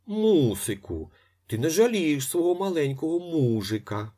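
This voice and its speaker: A man's voice: on the high side, sing-song, a little slow, warm tone, voice pushed up. A man voicing a gluttonous middle-aged engineer who calls to his wife in a childish, pleading coo. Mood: wheedling.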